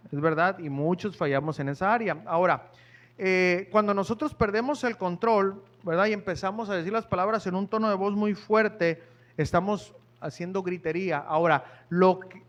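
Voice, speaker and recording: Guy preaching in church, pretty high voice, keeps asking the crowd if they get it. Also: fairly bright tone, dull audio. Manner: conversational, asks the congregation questions. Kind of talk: sermon.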